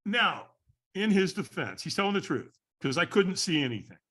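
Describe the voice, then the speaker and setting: A man who is a guest on a podcast, telling an animated story, acting out the voices he quotes and laughing often. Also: high-pitched, normal speed. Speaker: guest, firewalking instructor.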